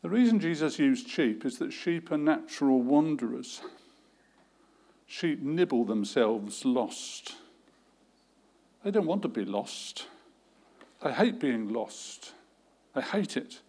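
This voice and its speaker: A man's voice: medium pitch, slow pace, pauses often. A man preaching a sermon, telling stories with dramatic, repetitive flourishes. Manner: lively, dramatic storytelling with vivid repetition. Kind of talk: sermon with storytelling.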